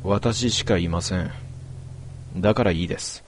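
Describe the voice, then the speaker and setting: A man voicing an eerie old woman ghost who speaks in halting, broken polite phrases. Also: sits low, a little hiss or hum, close to an everyday voice. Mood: eerie, insistent.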